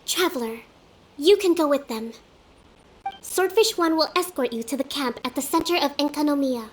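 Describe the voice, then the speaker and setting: A woman voicing a serene young shrine maiden who leads with care, soft and polite, in a video game. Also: high-pitched, animated, moderate pace, slight background noise. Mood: serene, gentle.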